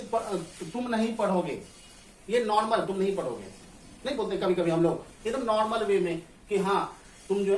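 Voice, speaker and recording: A man teaches grammar in a classroom and keeps asking the students whether they understand. His voice carries through an echoey room. He stands some distance from the mic, with a faint hum of ambience behind him. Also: high-pitched. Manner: asks the class questions and answers them himself, often checks "clear?".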